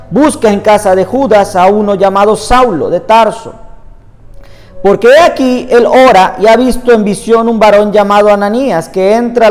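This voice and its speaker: A man preaching a sermon in Spanish, earnest, reading scripture aloud at length. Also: high voice. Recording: reverberant room with soft music behind.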